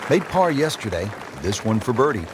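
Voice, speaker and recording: A man doing golf commentary, calling shots in measured descriptive lines and putting questions to his partner. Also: medium pitch, sing-song, a crowd in the background, noisy background, lightly acted. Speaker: golf commentator, play-by-play host.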